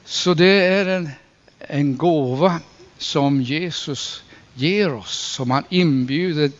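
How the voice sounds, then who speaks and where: A man preaching a sermon in an earnest way, slowing down to stress key phrases and rising when he quotes scripture. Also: on the high side. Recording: dull lo-fi recording.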